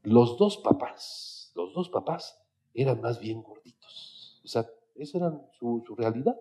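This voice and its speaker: A man with a Mexican accent giving an animated, chatty talk on psychology, telling anecdotes as he goes. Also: mid-range voice, measured pace. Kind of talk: storytelling lecture.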